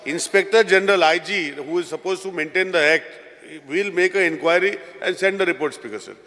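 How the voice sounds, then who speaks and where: A man with a Goan accent moving a bill in a legislative debate, rapidly and repeatedly addressing the Speaker, mixing Konkani and English. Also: high-pitched, pushed and bright. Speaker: state minister moving a bill. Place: legislative assembly hall. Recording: long hall reverb.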